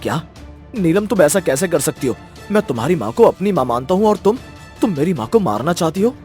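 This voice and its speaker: A woman's voice: fairly low pitch, sing-song, a little fast, dark tone, faint music behind. A woman voicing an impatient, dismissive young husband in a cartoon story, who speaks curtly. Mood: angry. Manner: curt, impatient.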